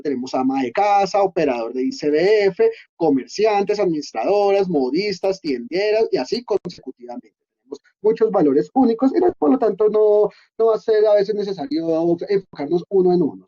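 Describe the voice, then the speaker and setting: A man walks students through a coding lesson in a husky, fairly high voice. He explains patiently and keeps asking if they are following. The recording sounds dull and lo-fi. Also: dark tone. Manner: explanatory, often checks in with "¿listo?". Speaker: instructor.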